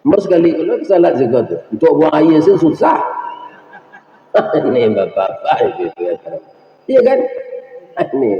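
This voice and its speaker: Minangkabau preacher in an echoey hall. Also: male voice, on the high side, very animated, moderate pace, long pauses. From West Sumatra. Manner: storytelling, mixing dialect with asides to the audience. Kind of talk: humorous sermon. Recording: echoey hall, dull lo-fi sound.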